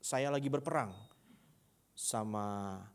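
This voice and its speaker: A man's voice: medium pitch, takes it slowly, clear, resonant tone. A man preaching a casual, humorous sermon to a congregation, often asking them questions. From Indonesia.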